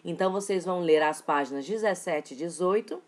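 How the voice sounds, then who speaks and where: A woman's voice: on the low side, fairly quick, darkish tone. A young adult woman with a Brazilian Portuguese accent, giving a recorded lesson to children, explaining patiently and spelling out examples. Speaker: teacher.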